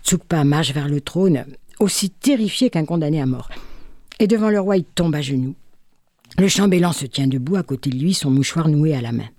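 Warm-voiced woman reading a folk tale. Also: sits low, no echo, studio quality. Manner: expressive, measured telling. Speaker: storyteller.

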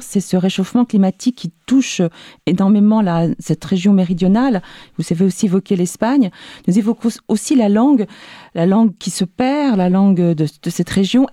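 Female radio host, warm low tone, dry studio, steady questioning. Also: dry recording. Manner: steady questions and short backchannel murmurs. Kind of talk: radio interview hosting.

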